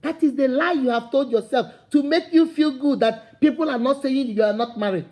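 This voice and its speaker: Speaking at normal speed in a warm, high voice, a woman with a Nigerian accent gives a fervent motivational address. She preaches, repeats herself, and climbs to emphatic calls.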